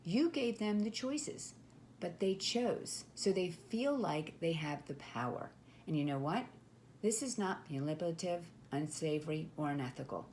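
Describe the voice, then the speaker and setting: A woman teaches sales technique with a confident, emphatic delivery, slipping into sample lines she might say to a prospect. Her voice sits on the lower side, with a faint hiss under the recording. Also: animated, a little slow, darkish tone. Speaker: network marketing coach. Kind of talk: instructional talk to camera.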